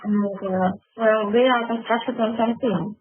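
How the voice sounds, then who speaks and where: A woman's voice: a little high, steady tone, a little slow. A woman teacher with a Russian accent, answering on a video conference call, who speaks hesitantly and searches for her words. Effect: conference call audio. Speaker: language teacher. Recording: phone-like call line with faint noise.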